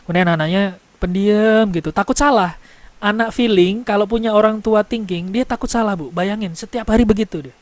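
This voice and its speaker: Male parenting trainer, animated storyteller, a bit high-pitched. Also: brisk, no room sound. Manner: animated storytelling, addresses audience as "Bu". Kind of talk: seminar talk to parents.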